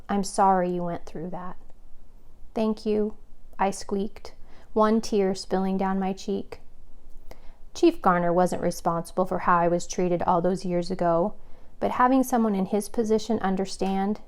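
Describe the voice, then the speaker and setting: A woman, the author, reading her own mystery novel aloud in first person, with clear, expressive storytelling. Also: mid-range voice, normal speed. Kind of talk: audiobook narration in first person.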